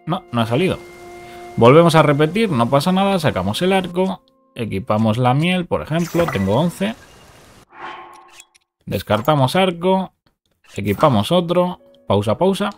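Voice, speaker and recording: This gaming YouTuber's voice sits fairly high and sing-song, with a measured pace and long pauses. He explains a game glitch step by step in casual tutorial commentary, repeating brief commands while soft music plays.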